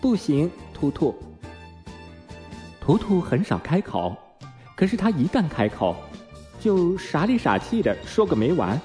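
A man reading a children's storybook aloud in an expressive, unhurried way. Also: on the high side, faint music behind. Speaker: narrator.

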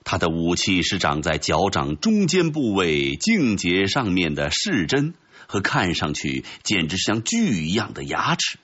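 A man narrating a children's storybook in an expressive, dramatic way. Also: low voice, slightly rough. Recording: dull lo-fi recording.

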